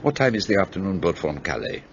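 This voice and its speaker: Speaking fast and low, an older male actor swings his pitch widely as he voices a self-assured, fussy Belgian sleuth in a radio drama. His French-tinged Belgian accent stays precise and theatrical while he explains how he reached his conclusions. Faint hiss runs under the dull, lo-fi audio.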